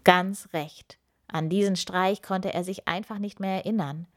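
A woman voicing a gaunt, grumpy old male wizard who talks slowly and gruffly. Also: on the low side, fairly even intonation, natural voice. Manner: slow, gruff grumbling.

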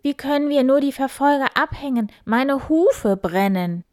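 A woman voicing a proud male wild boar innkeeper in a children's story, loud and squealing. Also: mid-range voice, measured pace, no room sound, studio quality, lightly acted. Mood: breathless.

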